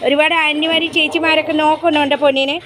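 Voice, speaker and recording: Woman, pet vlogger, high-pitched, doting baby-talk to her dog, outdoors on a sunny rooftop, noisy background. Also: little pitch movement, fast talker. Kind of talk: casual vlog chat with her dog.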